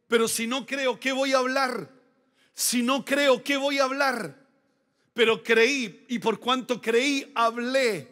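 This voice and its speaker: High-voiced emphatic male pastor preaching. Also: a bit bright. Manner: emphatic, repeats phrases for emphasis. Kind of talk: sermon.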